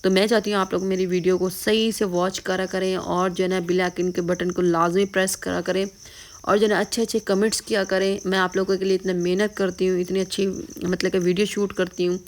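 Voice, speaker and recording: A woman's voice: medium pitch, little pitch movement. A tired woman, chatting casually to her viewers in a vlog. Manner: chatty, tired, often addresses viewers as "janab". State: hoarse, tired voice. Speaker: vlogger.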